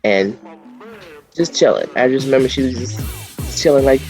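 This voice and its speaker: A man from Miami, a guest singer, telling stories in a casual interview and acting out the quotes in high voices. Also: lively intonation, moderate pace, a little mellow, faint music behind. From Miami, USA. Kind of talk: storytelling in casual interview chat.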